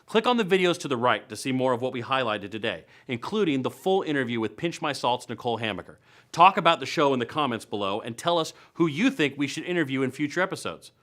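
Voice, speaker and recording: Talking fast and with lots of animation, a mid-range male host reads upbeat, scripted comedy news and events for a web show. His fairly bright tone carries a playful, punchy style, drawing out words to stress them.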